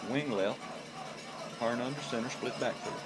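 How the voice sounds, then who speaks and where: Folksy male football announcer over clear background noise. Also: medium pitch, moderate pace. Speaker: play-by-play announcer for high school football. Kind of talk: conversational live sports commentary. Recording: live game broadcast with clear background noise.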